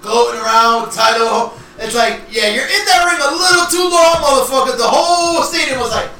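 A man's voice: very high voice, normal speed, reverberant, slight background noise, low-quality recording. A man co-hosting a casual wrestling podcast, swearing freely and acting out crowd chants. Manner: profane, animated, acts out crowd chants. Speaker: podcast co-host.

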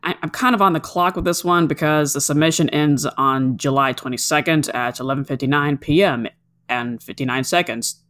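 A woman's voice: sits low, normal speed, a bit bright. A woman co-hosting a casual podcast, explaining things in long, chatty run-on sentences. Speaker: podcast co-host.

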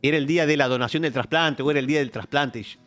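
A man's voice: a little high, very fast, a bit bright, soft background music. Man telling a story on radio. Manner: storytelling, laughs easily. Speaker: radio guest. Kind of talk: casual radio chat. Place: radio studio.

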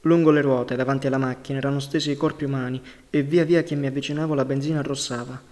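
A man reading a novel aloud in a measured, grave narration. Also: medium pitch, fairly even intonation, a little mellow, in a large hall. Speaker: audiobook reader.

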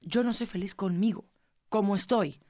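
In clean studio sound with no echo, a middle-aged woman recounts a personal story with earnest animation, voicing the quoted dialogue of others. Her voice is mid-range and her pace moderate. She's a podcast co-host being interviewed.

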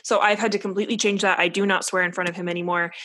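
A woman's voice: medium pitch, rapid-fire. A woman co-hosting a podcast, telling family stories in casual chat and quoting the people in them. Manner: expressive storyteller, quotes her son and family. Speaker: podcast co-host.

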